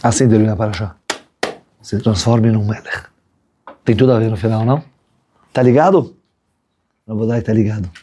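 Low-pitched and dark in tone, a husky rabbi delivers a conversational Torah lesson built around a story, speaking at a moderate pace with long pauses. He keeps the class chatty by tagging "right?" onto his points, and a little hiss or hum sits in the recording.

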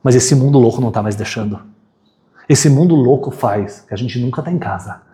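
A man's voice: medium pitch, fairly quick. A man giving a sermon, telling stories and acting out the characters' voices. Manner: animated storyteller, acts out voices of characters. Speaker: rabbi giving a talk. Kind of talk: sermon with acted-out story.

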